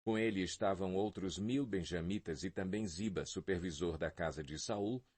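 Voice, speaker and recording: Guy narrating bible audio, low husky voice, slow and solemn. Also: darkish tone. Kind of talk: scripted scripture reading.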